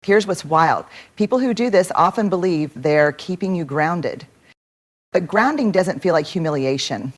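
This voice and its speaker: A woman giving a motivational speech, measured and emphatic, building her points through repetition. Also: on the low side, expressive. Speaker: motivational speaker.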